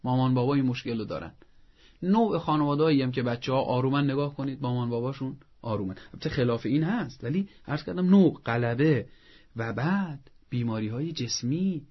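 Male advice expert for a talk show, husky voice, patient and instructive, muffled broadcast quality. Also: medium pitch. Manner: calm, instructive, lists steps and examples.

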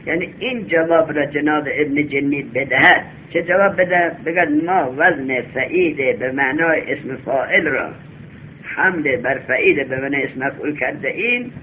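Man teaching a class on a tinny recording. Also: a little high. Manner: reads a text slowly, then explains and quizzes students. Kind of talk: classroom lesson on Arabic grammar. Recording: tinny lo-fi recording with faint hum.

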